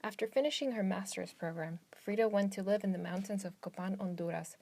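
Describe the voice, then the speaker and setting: A woman reporter reading scripted narration in a measured, even news style. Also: medium pitch.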